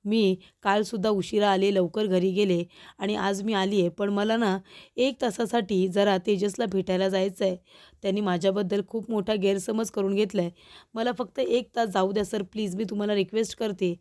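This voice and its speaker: A woman's voice: mid-range voice, steady tone, moderate pace, a little mellow, lightly acted. A woman voicing a tearful young woman employee in a serial recap, reading her lines politely and pleadingly.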